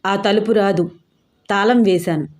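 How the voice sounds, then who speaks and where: A woman's voice: mid-range voice, measured pace, darkish tone, natural voice. A woman voicing a pushy, sly young man in a story.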